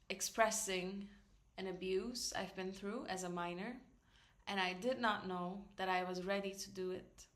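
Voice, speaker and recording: A woman filmmaker speaks an earnest, deliberate message to an audience far away. She takes her time, and her pitch sits in the middle of the range. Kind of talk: recorded personal message.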